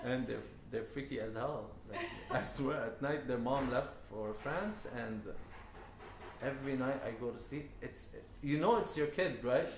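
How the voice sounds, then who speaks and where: A man, a guest, telling animated stories and acting out his child's and his own lines. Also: medium pitch, a little slow, gravelly. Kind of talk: animated storytelling. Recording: echoey room with faint noise.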